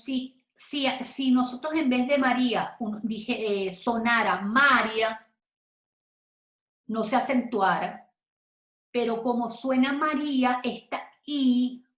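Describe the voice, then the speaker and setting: A woman teaching a spoken grammar lesson, going slowly and carefully and stretching example words out syllable by syllable. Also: a little high. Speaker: Spanish teacher. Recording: echoey room.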